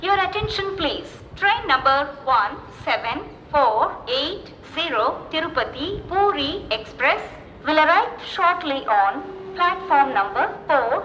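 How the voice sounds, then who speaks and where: A woman announcing train arrivals over a railway station PA loudspeaker, with an Indian accent and slow, measured, evenly repeated phrasing. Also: high-pitched, big pitch swings, highs cut off, a little hiss or hum.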